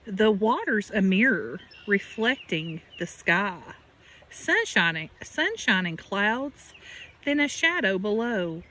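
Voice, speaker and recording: A teacher reads to young children beside a farm pond, instructing and addressing them directly in a slow, bright, forceful mid-range voice with big swings in pitch. Background nature noise from a flowing creek and animals fills the outdoor recording.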